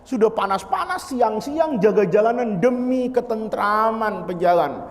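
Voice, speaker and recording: High-voiced preacher in an echoing mosque. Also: male voice, measured pace. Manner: lively, jokey, asks the congregation questions. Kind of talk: mosque sermon. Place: large mosque hall. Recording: long hall reverb.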